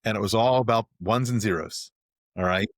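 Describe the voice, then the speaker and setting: A middle-aged man talking casually as a podcast guest, rambling and restarting often, getting animated when he explains. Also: on the low side, normal speed, no echo, studio quality. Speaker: podcast guest, marketing agency president. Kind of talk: casual interview talk.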